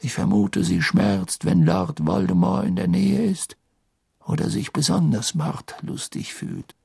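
A man voicing an old, wise male headmaster who speaks calmly and gravely. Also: a little high, a little slow, no room sound, studio quality, voice pushed up, heavily acted. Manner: calm, grave, at times hushed.

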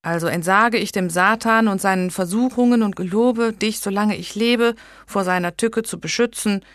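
Flustered young nursemaid, woman reader doing her, higher pitch, pleading, dry close sound. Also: no room sound, lightly acted. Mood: solemn. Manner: pleading, tearful, hurried.

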